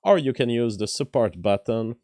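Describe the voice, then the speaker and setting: A man with a weak voice, hosting a casual livestream commentary in halting, deliberate phrases. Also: mid-range voice, lively intonation, darkish tone, no echo, studio quality. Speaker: livestream host. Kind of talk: casual livestream commentary, reading viewer messages.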